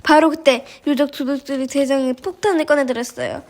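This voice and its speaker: Bright-voiced woman reading a children's story. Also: high-pitched, brisk. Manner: lively, expressive reading. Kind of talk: storybook narration.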